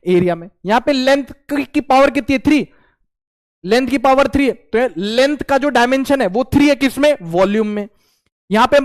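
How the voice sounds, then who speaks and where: High-voiced, playful physics teacher. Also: male voice, no echo. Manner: playful, slangy, acts out student replies. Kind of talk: lively exam-prep physics lecture.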